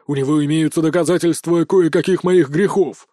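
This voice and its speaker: A man voicing a hot-tempered, arrogant male governor who blusters and shouts in an audiobook. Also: fairly high pitch, steady tone, fairly quick, dry recording, clean studio sound, lightly acted. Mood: angry.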